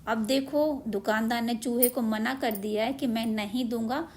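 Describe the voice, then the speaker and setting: A woman teaching a children's story lesson. She retells it simply, asks her own questions and answers them. Her voice sits a little high. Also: fairly even intonation, normal speed, a little mellow.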